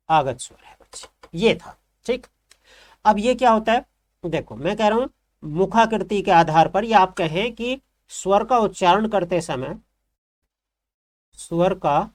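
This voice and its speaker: A male teacher giving a lesson, repeating each term and asking the class questions. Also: high voice.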